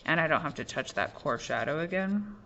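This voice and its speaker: Gravelly-voiced woman demonstrating drawing. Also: low-pitched, expressive, a little fast, sharp tone. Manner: casual, explains while working, many "like" fillers. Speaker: art teacher. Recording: muffled lo-fi audio, faint room noise.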